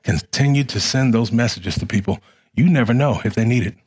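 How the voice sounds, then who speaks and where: A middle-aged male pastor delivers a sermon in a mid-range voice. His preaching runs in repeated phrases that climb in force, then sink back to something close to a hush. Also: mid-range voice, fairly quick, slightly rough. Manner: fervent, repetitive preaching cadence that swells and drops.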